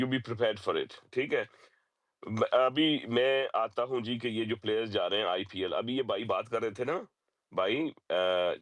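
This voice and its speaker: A man's voice: lowish voice, no echo. A man with a sore throat debating cricket in a casual audio chat, mixing in English phrases and lecturing a little. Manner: mixes English phrases into his talk, lecturing tone. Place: lives in Europe.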